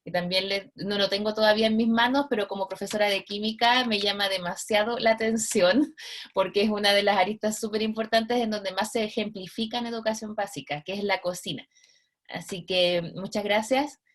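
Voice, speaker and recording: A woman's voice: mid-range voice, fairly even intonation, a little fast. A woman, a chemistry teacher, moderating a video-call talk and inviting questions in a friendly way. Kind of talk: casual classroom moderation.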